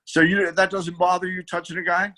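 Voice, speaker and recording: A man's voice: sits high, flat delivery, fairly quick, sharp tone. A man co-hosting a casual comedy chat, self-deprecating and stammering through restarts. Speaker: co-host.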